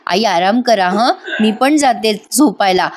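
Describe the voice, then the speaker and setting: A woman's voice: medium pitch, animated, slow pace. A woman voicing a kind young daughter-in-law who soothes and reassures others, in a drama retelling. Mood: gentle.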